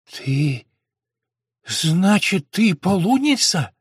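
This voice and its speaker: A man voicing a frightened young man who speaks hoarsely with a trembling voice. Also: sits high, very animated, very slow, no echo, studio quality, heavily acted.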